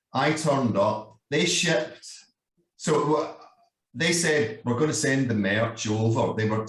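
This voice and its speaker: A man's voice: fairly low pitch, distant mic. A Scottish man in his fifties with a Glasgow accent, telling a story as a guest in a casual, sweary chat and laughing often. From Scotland. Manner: sweary, laughs often, keeps saying "you know what I mean". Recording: roomy sound from away from the mic.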